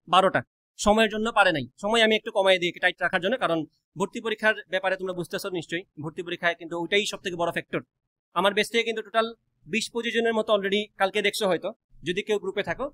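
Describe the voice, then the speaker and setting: A young man with a high, sharp voice and a colloquial, Sylheti-tinged Bengali accent gives a blunt orientation lecture as a coaching teacher. He talks rapid-fire, mixes in English words, and says he always speaks fast.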